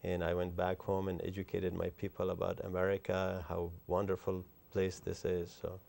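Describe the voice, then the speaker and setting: A man in his sixties from Afghanistan, a guest author talking earnestly and effusively in an interview, often pausing with fillers. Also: low voice, monotone, creaky, darkish tone. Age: 60s. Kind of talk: interview conversation.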